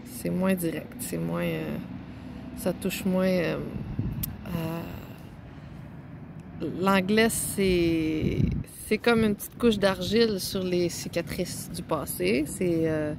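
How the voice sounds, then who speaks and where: A woman's voice: fairly low pitch, vocal fry, noisy background. A woman with a Québécois French accent, talking casually and musing aloud as she shows pages of a book, rambling and hesitant, playing on words.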